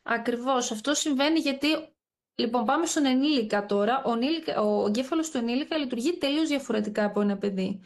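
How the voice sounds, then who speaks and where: A woman neurologist as a podcast guest, explaining step by step in a precise, methodical way. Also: on the high side. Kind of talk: explanatory interview talk.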